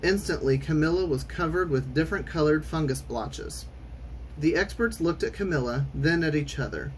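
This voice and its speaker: A man reading a children's storybook aloud in an expressive, theatrical way with clear enunciation. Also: on the high side, normal speed, slight background noise, rough recording. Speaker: storytime reader.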